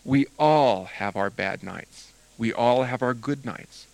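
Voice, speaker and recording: A man's voice: medium pitch, slow pace, creaky, no room sound, low-quality recording. An older man, a music teacher, giving an earnest, encouraging talk to students about performing. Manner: earnest, encouraging, animated delivery.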